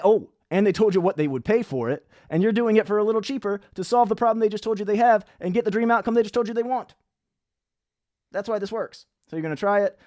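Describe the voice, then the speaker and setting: A man's voice: on the high side, a little mellow, no room sound, clean studio sound. Blunt, chatty male business coach. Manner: blunt, conversational, acts out sample dialogues. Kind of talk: direct-to-camera coaching talk.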